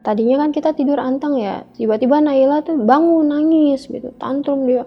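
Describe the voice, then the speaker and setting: In an interview, a woman with a high-pitched voice tells an emotional personal story at a moderate pace, acting out the dialogue and peppering her speech with "gitu." The recording sounds dull and lo-fi, with faint music in the background.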